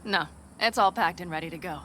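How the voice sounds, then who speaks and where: Game role: actress as tough, loyal nomad woman, lowish voice, matter-of-fact, faint engine ambience. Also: brisk, a bit bright, a little hiss or hum, lightly acted. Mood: assured. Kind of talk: video game dialogue.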